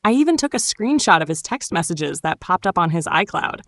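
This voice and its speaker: Female storytime narrator, slightly low pitch, cool and sharp-tongued, dramatic first-person delivery. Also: very animated, a little fast, no echo.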